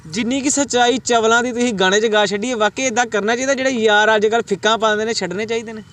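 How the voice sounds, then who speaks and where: A man's voice: high voice, steady tone, fast, a bit bright. A man interviewing a singer for a web news channel, eager and promotional, urging viewers on. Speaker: reporter, interviewer.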